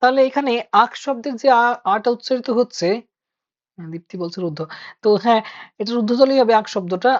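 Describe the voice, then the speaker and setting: A woman's voice: a little high, expressive, brisk. Patient woman teacher on a lo-fi online class. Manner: patient, explains step by step, asks students questions. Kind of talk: online Bengali grammar class. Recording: dull lo-fi online class audio.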